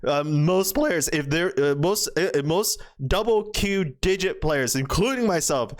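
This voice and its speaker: A man with a high voice commentates a Go match move by move. He thinks aloud and reaches for words with plenty of fillers. He keeps bursting into excited reactions. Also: a little slow. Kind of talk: game commentary.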